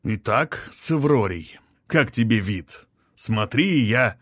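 A man voicing a scheming, mocking male court mage who taunts his enemies in slow, drawn-out phrases. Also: on the low side, lively intonation, a bit bright, husky, no echo, clean studio sound, exaggerated voice.

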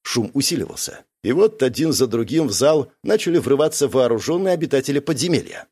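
A man narrating a first-person fantasy audiobook in a calm but expressive way. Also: mid-range voice, brisk.

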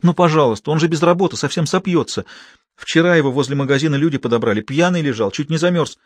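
A man reading an audiobook and voicing a tearful young woman nurse who begs softly and insistently. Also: mid-range voice, fast talker, no room sound, close to an everyday voice. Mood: begging. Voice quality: soft, pleading. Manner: begging and insistent. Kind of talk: audiobook character voice.

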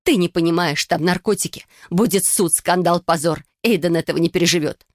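A woman's voice: fairly low pitch, a little fast, darkish tone, no echo, studio quality, close to an everyday voice. A woman voicing a tearful, frightened young noblewoman who pleads between sobs. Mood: distraught. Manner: pleading, sobbing.

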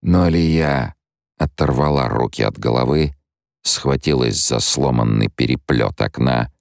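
A man narrating an audiobook in a steady, dramatic reading. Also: rumbling low, creaky, dry recording, studio quality. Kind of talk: scripted narration.

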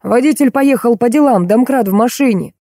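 A woman reading an audiobook voices a rude, boorish rich man who shouts and insults. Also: on the high side, brisk, dry recording, studio quality, pitched above the performer's own voice. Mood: rude, demanding.

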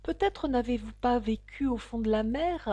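A woman voicing a sorrowful mock turtle who sighs, weeps and sings slowly and sadly in a storybook reading. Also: a little high, warm tone, no room sound, lightly acted. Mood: mournful.

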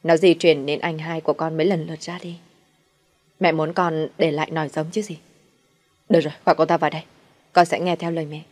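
A woman's voice: low-pitched, little pitch movement, fairly quick, pauses often. Woman playing a frantic, sickly young husband. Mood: resigned. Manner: shouting, agitated. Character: sickly volatile young husband, fearful of death.

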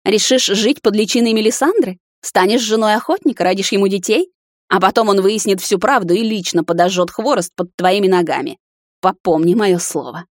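A woman's voice: mid-range voice, brisk, no room sound, clean studio sound, close to an everyday voice. A woman voicing a furious, imperious middle-aged witch mother in an audiobook, harsh and scolding. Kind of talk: audiobook character voice.

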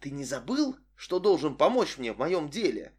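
A man reading an audiobook voices a manipulative young woman who speaks in a cool, flat, matter-of-fact way. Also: fairly high pitch, normal speed, slightly rough.

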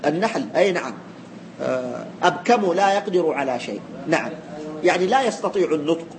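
A man's voice: fairly high pitch, animated, brisk, vocal fry, crowd noise. A man teaching religious law to a class, explaining by repeating his points and quizzing his students. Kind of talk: classroom lesson with student questions.

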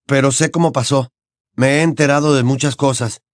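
A man voicing a somber teenage boy wizard in an audiobook, in a quiet and grave voice. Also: mid-range voice, steady tone, moderate pace, no echo, clean studio sound, pitched above the performer's own voice, natural voice. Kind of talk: audiobook character voice.

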